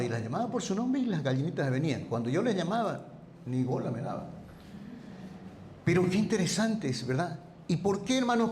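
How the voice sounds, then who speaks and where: Spanish-speaking pastor preaching in an echoey church. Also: male voice, on the high side, darkish tone, slight background noise. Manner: conversational preaching with frequent rhetorical tags; voice teacher, careful about vocal timbre. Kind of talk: sermon. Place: church hall.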